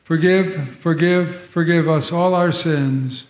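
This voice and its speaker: A male pastor leads the prayers in a slow, solemn cadence, his slightly high voice ringing through the cathedral echo of a large church sanctuary. Each phrase is measured and ceremonial. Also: fairly even intonation, over a noisy crowd. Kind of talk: leading a liturgy.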